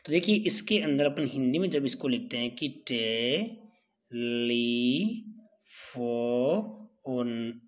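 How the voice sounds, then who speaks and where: A man teaching an exam-prep lesson, asking rhetorical questions and answering them in an animated way. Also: fairly high pitch, brisk, few pauses.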